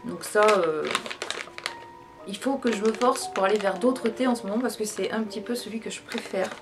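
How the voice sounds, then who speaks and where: A woman's voice: mid-range voice, normal speed. A woman chatting casually about teas she drinks, hesitating often with fillers and restarts. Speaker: tea vlogger. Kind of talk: casual product review. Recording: background music.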